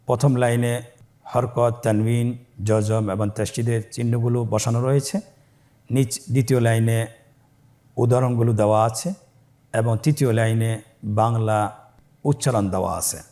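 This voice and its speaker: A man teaching Quran reading, spelling out letters and vowel marks slowly and asking listeners to repeat after him. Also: mid-range voice, mellow. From Bangladesh.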